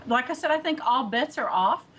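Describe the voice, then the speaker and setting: A woman's voice: high-pitched, expressive, fairly quick, a bit bright, slightly rough, low-quality recording. A woman speaking as an environmental advocate in a remote news interview, earnest and full of fillers and restarts. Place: remote studio link.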